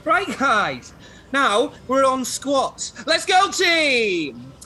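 A man's voice: very high-pitched, wildly swooping pitch, drawn-out words, bright, forceful tone, soft background music, heavily acted. A man playing a chirpy, cheesy gym trainer. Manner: chirpy, cheesy coach patter. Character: cheesy upbeat male personal trainer. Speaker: personal trainer. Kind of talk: sitcom acting.

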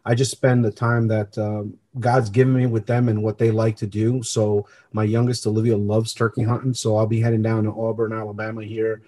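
A middle-aged man, born in Colombia and raised in New Jersey, tells his own story as an interview guest, earnest and conversational. His voice is lowish and dark, with a level tone. He talks fairly quickly and barely pauses.

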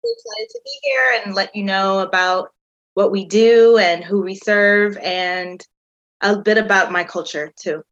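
A woman's voice: mid-range voice, lively intonation, a little slow, a bit bright, dull audio. Guest, woman, 30s, from the US, chatty and filler-heavy storyteller. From United States. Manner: chatty, uses lots of "um" and "like". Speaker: guest, tour company founder. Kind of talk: casual interview storytelling.

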